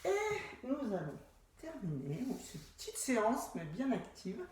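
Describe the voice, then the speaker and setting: A woman teaching a Pilates class, giving calm, unhurried cues about breathing and posture. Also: mid-range voice, slight background noise. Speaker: Pilates instructor. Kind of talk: guided exercise class instruction. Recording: very echoey room.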